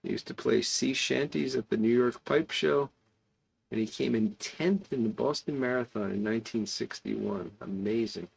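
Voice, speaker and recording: A man's voice: fairly low pitch, darkish tone, low-quality recording. A man hosting an online club hangout, chatting casually and off the cuff as he answers comments from viewers. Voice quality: gravelly, creaky voice. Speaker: host of an online pipe club.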